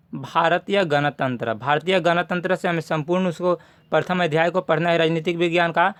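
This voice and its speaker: Male teacher, high-pitched, dry close recording, methodical and repetitive. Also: fairly bright tone, dry recording. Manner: methodical, repeats points for students. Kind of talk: syllabus walkthrough lesson.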